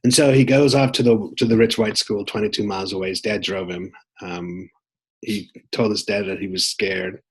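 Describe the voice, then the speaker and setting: A man casually summarizing a novel aloud, relaxed and loose, with frequent ums and restarts as he retells it. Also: on the low side, moderate pace, husky, poor audio. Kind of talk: casual spoken book summary.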